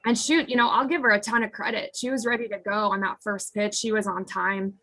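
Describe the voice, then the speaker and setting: Hoarse from screaming, a husky-voiced woman in her thirties answers postgame questions from the press as an American softball head coach. Her mid-range voice holds fairly even intonation and moves a little fast while she earnestly starts sentences over again and again. The recording quality is rough.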